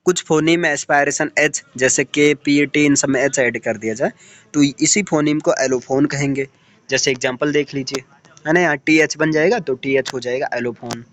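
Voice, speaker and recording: A man's voice: mid-range voice, a bit bright. A male teacher giving an exam-prep lecture from slides, explaining step by step and often checking in with his students.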